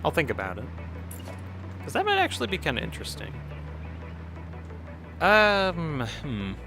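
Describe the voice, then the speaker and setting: His voice is a little high and sharp, with huge pitch swings, vocal fry and a measured pace, as he streams a game and rambles in casual commentary. He reacts to chat, chuckles often and is a bit nasal from a cold, over game music.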